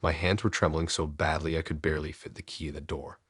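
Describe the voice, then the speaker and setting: A man reading a scripted first-person horror story in a low, measured storytelling delivery. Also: little pitch movement, a bit bright, husky, dry recording, clean studio sound.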